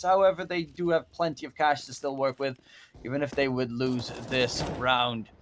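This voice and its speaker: A man giving live esports match commentary as a caster, lifting excitedly on key plays. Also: mid-range voice. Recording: faint game noise and gunfire.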